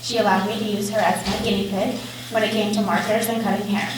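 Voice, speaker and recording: A woman's voice: medium pitch, flat delivery, fast. A young woman giving a sincere, affectionate prepared wedding toast, as the sister of the bride. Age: young adult. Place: large echoey indoor reception room, mic far away. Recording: very echoey, distant, noisy event hall.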